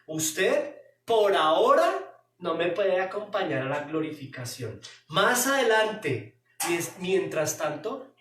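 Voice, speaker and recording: A man voicing a calm, firm male teacher who gives soft warnings. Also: high voice, takes it slowly, roomy sound, recorded from a distance, a little hiss or hum, full character voice.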